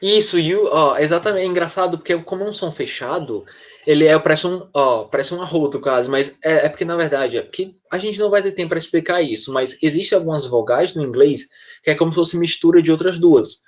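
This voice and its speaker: A man's voice: a little high, brisk. A man with a Brazilian Portuguese accent teaching an online class to children, explaining patiently and checking in often over a video call. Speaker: English teacher.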